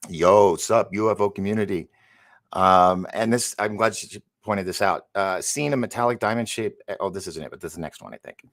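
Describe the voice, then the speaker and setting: A man in his fifties from San Francisco hosts a live stream in a low voice at a moderate pace. He rambles chattily while reading viewer comments, frequently stumbling over words. He is recovering from an injury.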